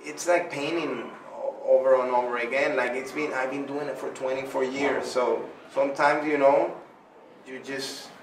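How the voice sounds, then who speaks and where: A man's voice: medium pitch, fairly even intonation, moderate pace. A middle-aged man from Venezuela, chatting effusively with lots of fillers as a guest answering interview questions. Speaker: artist interviewed by a child. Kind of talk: casual interview. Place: small indoor room. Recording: echoey room, distant mic, noisy.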